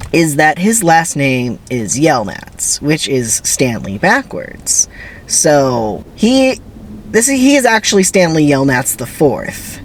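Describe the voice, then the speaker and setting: A man's voice: medium pitch, slight background noise. A man hosting a dramatic script reading, commenting in a chatty, self-deprecating way with emphatic asides. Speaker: channel host.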